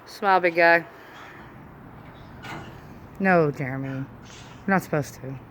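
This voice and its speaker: Woman, amateur ghost hunter, lowish voice, casual blunt informal chat, faintly noisy location audio. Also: slow, a bit bright. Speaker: amateur paranormal investigator. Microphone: phone camera. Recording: noisy on-location phone video recording.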